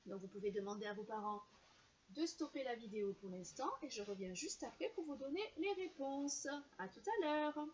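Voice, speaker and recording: A woman teacher giving a slow, clear reading lesson to young children and carefully sounding out each syllable. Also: medium pitch, expressive, a little mellow, highs cut off, slight background noise.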